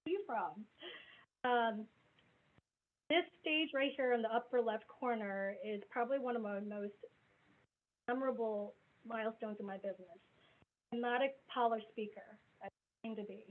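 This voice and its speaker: A woman in her forties who grew up in the Midwest gives a casual, honest introduction of herself as a business coach, pausing often as she goes. Her voice runs somewhat high and her pace is moderate. The video call audio is tinny, like a phone line, with faint noise.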